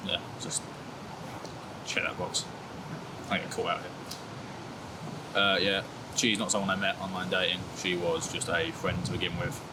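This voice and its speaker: Over very heavy noise, a twenty-something man talks at a measured pace with long pauses in a deep, flat voice. Being interviewed, he keeps it casual and candid, laughing at himself and leaning on fillers like "sort of" and "like."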